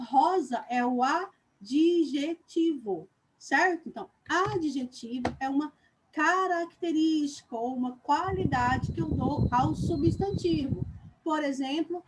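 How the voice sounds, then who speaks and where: A woman with a Brazilian Portuguese accent teaching young children in a live online lesson. She speaks slowly and deliberately, stretches her words, and checks in often with "ok?". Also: high voice, noisy background. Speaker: primary school teacher.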